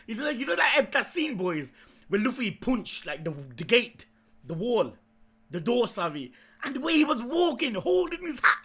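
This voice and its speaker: A young man with a raspy, creaky voice doing excited live reaction commentary in slangy, hyped-up bro talk that bursts into shouting. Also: very high voice, normal speed. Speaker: YouTube anime reaction host.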